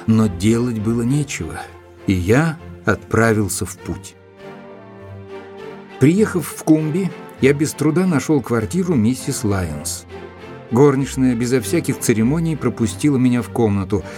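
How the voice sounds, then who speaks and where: An actor playing Doctor Watson, a courteous, persistent gentleman, narrating and speaking in a measured, formal way in an audio drama. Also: medium pitch, lightly acted.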